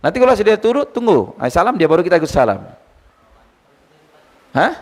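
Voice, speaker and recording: A male Islamic teacher giving a lively study lecture, quizzing his listeners and retelling anecdotes. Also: sits high, brisk. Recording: long hall reverb.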